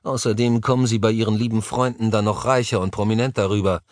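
A man's voice: on the low side, fairly even intonation, fast talker, no echo, clean studio sound, close to an everyday voice. A male narrator voicing a nervous, cynical male business partner talking on the phone in an audiobook. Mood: tense, cynical.

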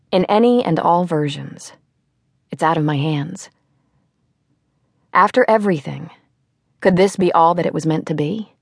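A woman's voice: fairly low pitch, vocal fry, dry recording, studio quality. A woman audiobook narrator reading a reflective, musing passage. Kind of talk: scripted narration.

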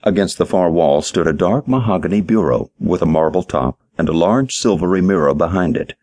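Deep-voiced male audiobook narrator. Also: a little mellow, no room sound. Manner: measured storytelling. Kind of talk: scripted narration.

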